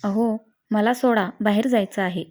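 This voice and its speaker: A woman storyteller voicing a young wife who sulks and weeps, in a quiet, hurt tone. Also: medium pitch, moderate pace, lightly acted. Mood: sulky. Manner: sulky, weepy delivery.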